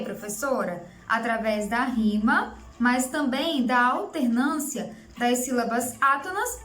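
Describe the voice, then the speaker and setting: A young woman with a somewhat high voice teaches an online writing lesson, patiently walking through each step and frequently checking in with her students. The room is echoey, with faint music in the background.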